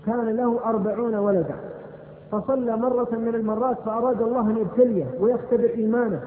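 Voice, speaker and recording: A man with a Saudi accent giving a fervent, storytelling sermon as a preacher. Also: very high voice. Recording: echoey hall, tinny phone-like sound.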